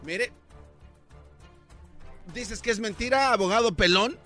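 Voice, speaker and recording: A man, playing a pushy, excitable lawyer in an improvised comedy court sketch. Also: sits high, slow, soft background music.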